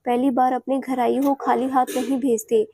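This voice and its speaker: A woman's voice: high voice, level tone, normal speed, mellow. A woman voicing a kind, middle-aged mother-in-law who speaks soothingly to her daughter-in-law in an audio story. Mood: affectionate.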